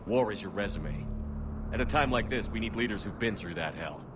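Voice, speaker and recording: A man's voice: on the low side, expressive, fairly quick, very noisy, natural voice. An actor playing a resolute, no-nonsense male military commander in a sci-fi video game. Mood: earnest, persuasive. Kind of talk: cinematic sci-fi game acting.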